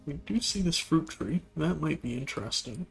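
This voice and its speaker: A man giving relaxed, musing commentary while playing a video game, now and then talking to things on screen. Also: a little high, normal speed, creaky, breathy edge, faint music behind. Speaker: gameplay video host. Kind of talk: casual gameplay commentary.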